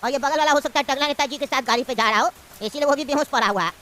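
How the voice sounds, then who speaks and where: Woman doing a sly old uncle, low and coaxing. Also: very fast, a bit bright. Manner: coaxing, evasive, insistent. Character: scheming old male uncle, tea-maker.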